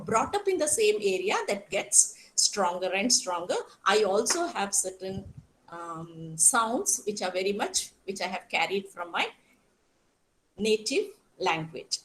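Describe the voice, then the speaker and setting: On a low-quality recording, a medium-pitched woman with a strong South Indian accent from Karnataka teaches college students online. Her explanations come haltingly, and she keeps putting questions to the class.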